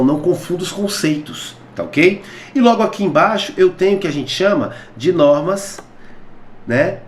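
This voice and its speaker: A Brazilian-accented man teaching law in a recorded lecture, voice a little high for a man. He explains step by step, tossing rhetorical questions and steady check-ins at the student. The room is echoey, with a faint hum of noise underneath. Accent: Brazilian Portuguese.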